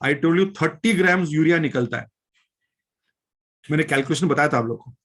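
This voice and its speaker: A man's voice: fairly high pitch, fairly bright tone. A male biology teacher with an Indian accent, lecturing a live class, mixing Hindi and English and often checking that students follow. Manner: reads textbook lines slowly, then explains them.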